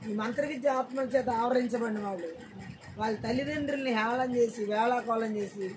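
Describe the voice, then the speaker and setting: A preacher delivering a church sermon, repeating phrases and urging the congregation to say amen loudly. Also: medium pitch, fairly quick, background noise. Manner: repeats lines and calls for loud amens.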